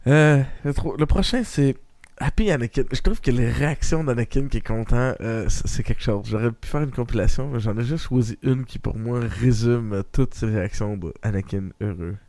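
A man's voice: medium pitch, moderate pace, no echo. A man with a Québécois accent hosting a casual movie podcast, chatty and full of restarts. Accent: Québécois French. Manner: lively, chatty, restarts a lot. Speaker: podcast host.

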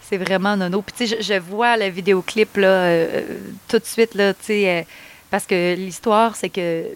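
Chatting casually as an interviewed singer, a Québécois woman spins animated stories with frequent laughter and plenty of fillers. Her pitch is ordinary for a woman, and she speaks at a moderate pace.

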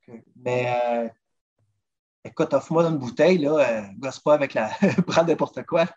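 In a casual interview, a podcast guest who drums and travels for food talks through recipes with eager, lively chatter, repeatedly saying "listen." He has a Québécois accent, medium pitch, and a moderate pace. The recording is dull and lo-fi.

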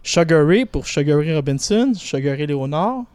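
A man's voice: on the high side, expressive, normal speed, darkish tone, clean tone, dry recording. A man with a Quebec French accent, counting down a list on a radio segment in a playful, chatty way. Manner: playful, chatty, stretches out names. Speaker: boxing segment contributor.

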